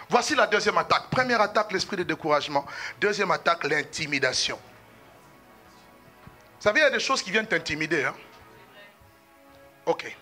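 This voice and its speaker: A middle-aged man preaches with a high, piercingly bright voice, swinging into fervent shouts. He is recorded in a church with soft music faintly playing behind him. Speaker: pastor. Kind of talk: sermon.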